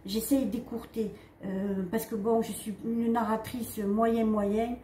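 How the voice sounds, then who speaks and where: Woman doing a chatty spiritual reading, slightly high mellow voice, keeps saying hein and d'accord, echoey room. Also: level tone. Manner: chatty, many "hein" and "d'accord" tags, halting restarts. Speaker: spiritual medium giving a card reading. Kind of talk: casual spiritual talk to viewers. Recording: echoey room with faint ambient noise.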